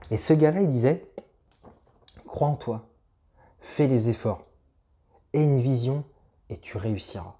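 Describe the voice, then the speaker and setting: Low, mellow-voiced man chatting casually. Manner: chatty, addresses viewer as "tu", frequent restarts. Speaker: motivational YouTuber. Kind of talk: casual direct-to-camera talk.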